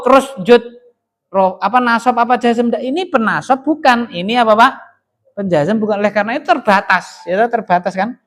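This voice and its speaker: A man's voice: sits high, a bit bright. A man with a Javanese accent teaching Arabic grammar in a classroom, explaining patiently and quizzing his students with frequent questions. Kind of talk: classroom lesson.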